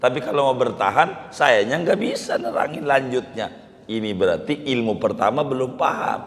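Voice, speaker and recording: A hoarse man preaching, quizzing his listeners and repeating key phrases. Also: mid-range voice, expressive, normal speed. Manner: repeats phrases, quizzes listeners, colloquial Betawi-flavored Indonesian. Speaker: Islamic preacher. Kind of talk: lecture sermon with questions to the audience. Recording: long hall reverb.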